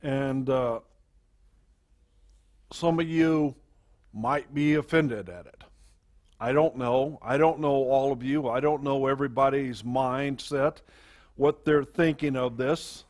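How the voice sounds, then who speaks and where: A male pastor delivers a sermon into a pulpit microphone. He speaks very slowly at a middle pitch, pausing often with fillers and restarting his phrases. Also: fairly even intonation, a little mellow. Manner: slow, halting delivery with many fillers and restarts. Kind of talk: sermon to a congregation.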